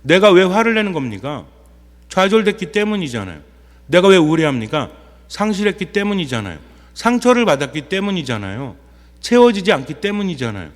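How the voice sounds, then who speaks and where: Male priest, higher-pitched, preaching in a reverberant church, rhetorical Q&A style. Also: very animated, fairly quick. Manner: asks rhetorical questions and answers them himself; acts out quoted inner voices in a softer, lower tone. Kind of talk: sermon.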